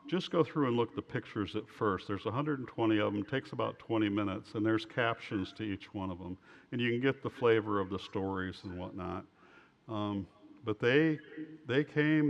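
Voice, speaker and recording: A man giving an informal slide lecture as an author, speaking in a halting, rambling way over a muffled recording. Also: fairly low pitch, slight background noise.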